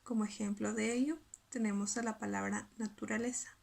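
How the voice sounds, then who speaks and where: Creaky husky woman reading a lesson. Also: medium pitch, steady tone, darkish tone. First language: Spanish. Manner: reads carefully, spells out syllables slowly. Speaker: student presenter. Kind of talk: scripted lesson narration.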